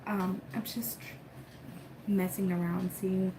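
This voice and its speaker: A woman from Cuba, chatting casually at home as she unboxes supplies for her coloring book business. She rambles softly, with lots of "like" and "um". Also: mid-range voice, little pitch movement, takes it slowly, very noisy. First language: Spanish. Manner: soft-spoken and rambling, with many fillers like "like" and "um". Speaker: coloring book creator and channel host.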